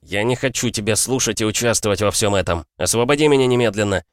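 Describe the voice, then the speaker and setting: Guy doing a furious young captive, higher pitched and loud, keeps snapping back, dry sound. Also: fast talker, smooth, no room sound, natural voice. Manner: heated, indignant, sharp outbursts. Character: young man trapped in a strange world, angry and defiant. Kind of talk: audiobook character voice.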